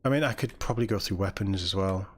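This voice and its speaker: A young man live-streaming a video game, chatting excitably with viewers and reacting as he plays. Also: sits low, fast talker, husky. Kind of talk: casual live-stream chat.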